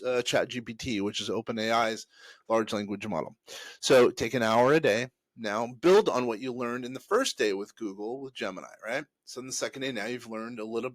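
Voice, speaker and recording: A man's voice: mid-range voice, dry recording. Chatty man giving casual business advice. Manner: conversational, rambling with many restarts and fillers. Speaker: host. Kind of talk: casual advice talk to camera.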